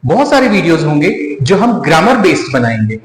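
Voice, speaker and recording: A man's voice: fairly high pitch, sing-song, fairly quick. A man with an Indian accent explains step by step, like a teacher in a lesson, calling his viewers friends. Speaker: English teacher. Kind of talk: classroom-style lesson. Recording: echoey room with long reverb, faint music.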